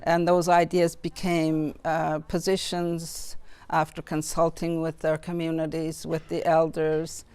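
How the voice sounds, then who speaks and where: An older interview guest from Nunavut in Canada, reflecting in a halting, thoughtful way with pauses and repeated words. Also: medium pitch, monotone, a little mellow, clear, resonant tone.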